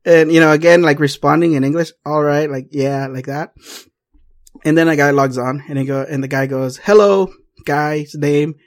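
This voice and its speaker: A man's voice: on the high side, flat delivery, normal speed. A man telling a story in casual chat, swearing and laughing often, switching between English and Spanish. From Mexico.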